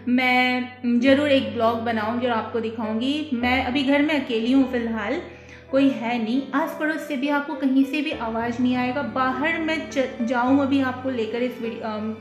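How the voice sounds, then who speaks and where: A young woman with a slightly high voice chats easily to her viewers. She talks with fillers and small laughs, filming herself on a phone camera in her kitchen. The room sounds echoey and faint music plays behind her. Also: fairly even intonation, moderate pace. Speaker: vlogger. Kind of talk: casual chatty vlog. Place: home, quiet flat in the kitchen.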